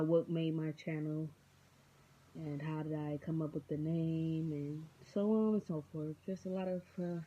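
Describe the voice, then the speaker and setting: A woman's voice: deep voice, mellow, a little hiss or hum. A tired young woman in her twenties chatting casually to her viewers at home at night, rambling off the cuff with lots of ums and a goofy streak. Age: 20s. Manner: rambling, unscripted, many filler ums. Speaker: vlogger. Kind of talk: casual vlog chat. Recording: dull lo-fi sound.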